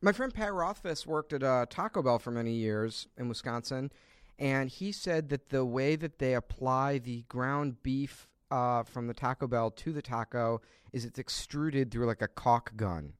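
A man's voice: medium pitch, unhurried, clear, resonant tone, dry recording. A man co-hosting a podcast, answering with dry, short quips in casual chat. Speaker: podcast co-host.

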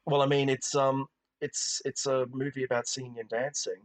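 Male podcast co-host, loose rambling film chat, average-pitched voice. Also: flat delivery, normal speed, poor audio. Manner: rambling, many restarts and "you know". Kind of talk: casual film review chat.

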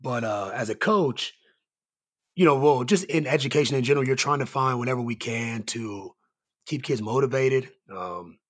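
A man with a raspy, hoarse voice, worn from yelling, giving earnest, rambling answers as a coach being interviewed. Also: mid-range voice, normal speed. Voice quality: raspy, strained voice. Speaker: high school basketball coach and site coordinator, guest.

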